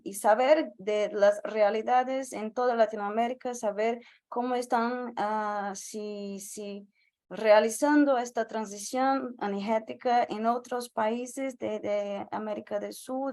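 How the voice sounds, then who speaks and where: A woman's voice: on the high side, darkish tone. A woman from Brazil, a native Portuguese speaker with a Brazilian accent, giving a panel talk carefully and searching for words. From northeastern Brazil. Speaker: invited activist speaker. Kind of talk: panel talk in a second language.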